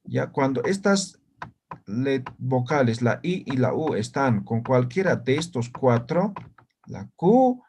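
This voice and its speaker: A man's voice: medium pitch, very animated, slow pace, darkish tone, slight background noise. A man teaching an online language lesson, explaining step by step and often checking understanding with short tag questions.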